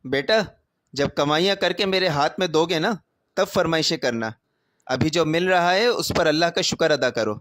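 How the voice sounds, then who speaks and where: A man's voice: fairly high pitch, fairly bright tone, dry recording, studio quality, close to an everyday voice. A man voicing a curt domineering mother. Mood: scolding. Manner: scolding, curt. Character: domineering mother who favors one son.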